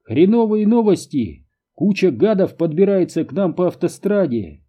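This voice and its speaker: A man's voice: sits high, big pitch swings, moderate pace, mellow, slightly rough, lo-fi sound, pitched above the performer's own voice, full character voice. A man voicing a nervous male pilot calling over the radio with urgent news.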